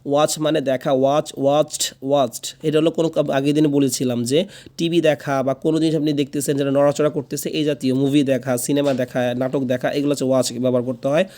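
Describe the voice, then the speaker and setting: Man drilling English verb forms, mellow voice. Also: medium pitch, level tone. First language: Bengali. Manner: patient, repeats words slowly for drilling. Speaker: spoken English teacher. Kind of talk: classroom lesson.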